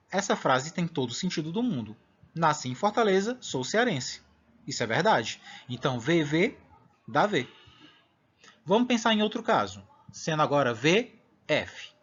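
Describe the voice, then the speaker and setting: A Brazilian male teacher walks through logic in a patient, explanatory way, often checking that his students are following. His voice sits a little high and sounds husky. The recording is dull and lo-fi. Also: a bit bright. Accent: Brazilian Portuguese. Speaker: math lecturer. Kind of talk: recorded online lecture.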